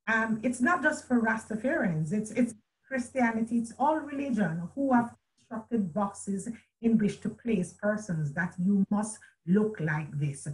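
Poor webcam audio captures a middle-aged woman, an author and video call guest, telling a personal story from a room at home with a chandelier. She speaks a little slowly in a mid-range voice with lively intonation. She stays earnest and reflective, restarting often and using quoted speech.

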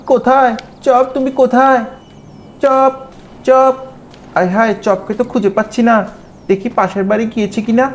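A man voicing a cheeky, mischievous little boy as role-play commentary over a game. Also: very high-pitched. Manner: childish, excitable, calls out repeatedly. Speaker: gameplay creator.

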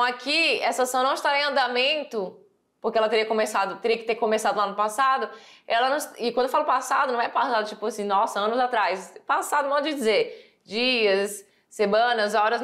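A woman with a Brazilian accent teaching an English grammar lesson. She explains patiently, repeats key phrases and slows down to read out the English examples. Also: on the high side, lively intonation, fairly bright tone. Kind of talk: recorded class lesson.

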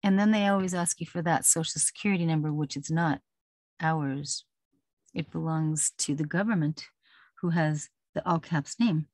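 A woman's voice: sits low, moderate pace, darkish tone, no echo. Chatty woman rambling in a dry room. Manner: chatty, rambling, laughs while talking. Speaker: vlogger. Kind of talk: casual personal talk.

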